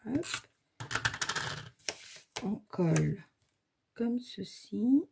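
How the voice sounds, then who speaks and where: Demonstrating a paper craft in her home workshop, a woman in her 40s to 60s who has a granddaughter chats through a casual step-by-step tutorial with a slight cold. She speaks extremely slowly in an animated, medium-pitched voice with vocal fry, against a noisy background, thinking aloud and often saying "hop" and "voilà".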